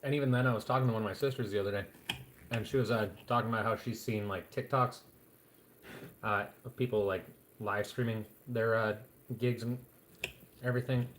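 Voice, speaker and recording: Guy rambling on a home live stream, lowish voice but kinda bright and punchy, lots of uh and like. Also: steady tone, brisk, long pauses, slight background noise. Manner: rambling, with many fillers and restarts. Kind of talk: casual live-stream chat to viewers.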